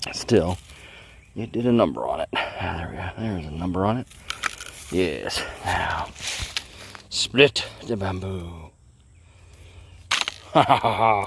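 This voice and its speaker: Gravelly and low, this southern American man's voice comes through a noisy background. A bladesmithing hobbyist, he films a fun, casual demo vlog in a bamboo grove with his phone in hand, poking fun at the plants.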